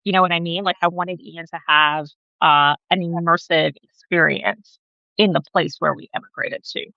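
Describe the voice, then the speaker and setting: Guest woman, born in Guyana, lowish voice, chatty and explanatory, muffled video-call sound, dry. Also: fairly even intonation, normal speed, vocal fry, dry recording. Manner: conversational, frequent "right?" asides. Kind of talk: casual interview conversation.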